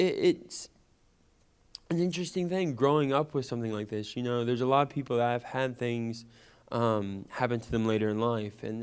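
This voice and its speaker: A young man from Louisiana, a guest actor, telling personal stories in an animated way and acting out childhood conversations. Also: mid-range voice, clean tone. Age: young adult. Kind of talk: personal storytelling.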